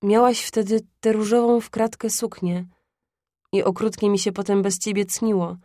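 Woman voicing soft-spoken nostalgic father, storybook reading, dry close sound. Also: medium pitch, flat delivery, moderate pace, no echo, close to an everyday voice. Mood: tender. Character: tender working-class father reminiscing to his dying wife.

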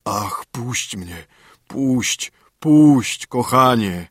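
A man voicing a huge, haughty male spirit freed from a bottle in a fairy tale, speaking slowly and threateningly. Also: lively intonation, fairly bright tone, no room sound, clean studio sound. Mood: pleading. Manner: slow, booming and threatening. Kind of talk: storybook narration.

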